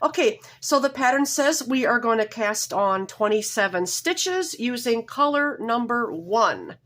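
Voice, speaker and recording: A woman whose voice is slightly hoarse from a cold hosts a casual, step-by-step knitting tutorial from home. Her voice is a little high, expressive and fairly bright. She comes across as homey and apologetic, often pausing to correct herself.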